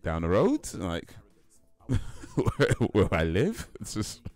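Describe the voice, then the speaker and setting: A young British man hosts a livestream, chatting casually with his viewers in a laid-back way, laughing often and using plenty of fillers and repeats. His voice is low and a little mellow, with wildly swooping pitch and a slow pace.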